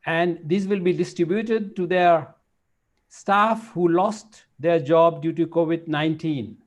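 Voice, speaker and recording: A man's voice: fairly high pitch, fairly even intonation, slow. A man serving as club president, making formal announcements to an online meeting.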